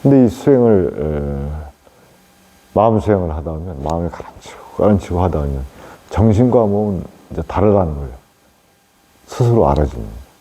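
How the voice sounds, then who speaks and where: A male Buddhist monk giving a plain, unhurried dharma talk on meditation to lay listeners, with many fillers and tag questions. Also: deep voice, expressive, warm tone, poor audio.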